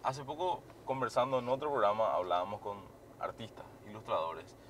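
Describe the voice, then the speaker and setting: A man hosting an interview, asking questions in a relaxed, conversational way. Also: lowish voice, slight background noise. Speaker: host. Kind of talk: casual interview chat. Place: moving vehicle.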